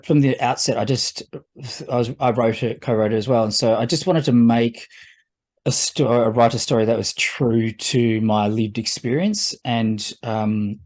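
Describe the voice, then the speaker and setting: A man's voice: mid-range voice, a little mellow. A man from Fiji, answering festival Q&A questions thoughtfully, with many fillers. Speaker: filmmaker guest.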